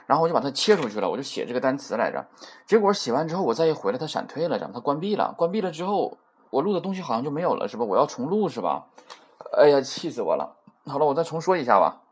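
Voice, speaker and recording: In a casual recorded beginner Japanese lesson, a man whose voice is a little high with a breathy edge chats his way through the material. He goes over points more than once and makes sure listeners are following.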